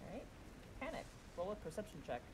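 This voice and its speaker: A woman's voice: medium pitch, sing-song, quick pace. A woman game master narrating a tabletop role-playing game in a conversational, improvised way. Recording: background noise, room ambience.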